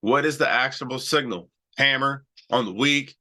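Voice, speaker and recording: A man hosts a live stock trading show, chatting loosely through charts while he has a cold, with many restarts and repeated "all right"s. His voice is medium-pitched, bright, and forceful at a moderate pace.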